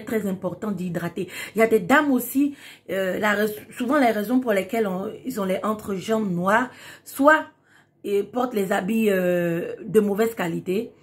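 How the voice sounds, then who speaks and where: A woman hosting a casual beauty tutorial, talking emphatically and repeating key words for stress. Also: medium pitch. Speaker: beauty tips host.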